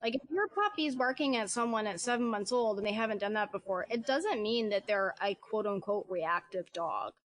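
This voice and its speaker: A woman dog trainer who is a guest in a casual conversation, chatty and animated as she tells stories. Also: mid-range voice, moderate pace, hardly any pauses.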